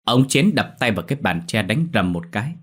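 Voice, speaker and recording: A man narrating a horror story in a steady, measured storytelling voice. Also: lowish voice, breathy edge.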